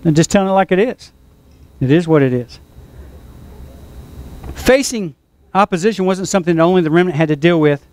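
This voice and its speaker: Pastor, male, high voice, emphatic sermon delivery with call-and-response. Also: fairly quick, long pauses, darkish tone. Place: church.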